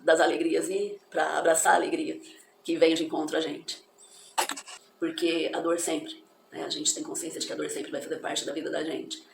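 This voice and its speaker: A woman's voice: sits low, vocal fry. A woman giving an encouraging, reflective English lesson in which she spells out pronunciations. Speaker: English teacher. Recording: echoey room with faint background noise.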